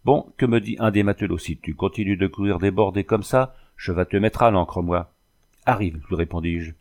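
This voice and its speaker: A man doing a gravelly, boastful old sailor. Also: low-pitched, normal speed, darkish tone. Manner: swaggering, swears by thunder and the devil. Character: boastful old Irish sailor, rough talker.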